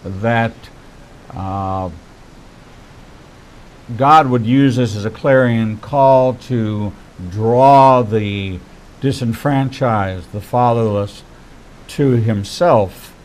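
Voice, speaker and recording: A man in his sixties hosting a faith-based interview, speaking in measured, preacherly phrases. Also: mid-range voice, a little mellow, low-quality recording. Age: 60s.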